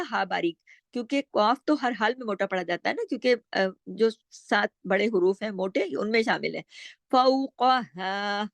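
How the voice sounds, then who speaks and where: A woman with a slightly high voice teaches the rules of Quran recitation. She goes step by step, poses questions and answers them herself, and stretches each recited word out slowly. The sound is dry and close, with no room in it. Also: no room sound. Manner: patient, explains step by step, asks and answers her own questions; draws out Arabic words slowly when reciting. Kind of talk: tajweed lesson with slow recitation.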